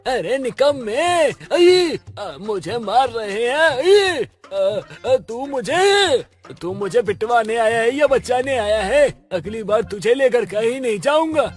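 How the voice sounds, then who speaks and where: Brief: man as a very high-voiced cartoon thug, bossy and cowardly, soft music behind. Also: expressive, slow pace, heavily acted. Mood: whining. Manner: threatening, then whining and yelping. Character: blustering male village goon, cowardly when beaten. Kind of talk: cartoon voice acting.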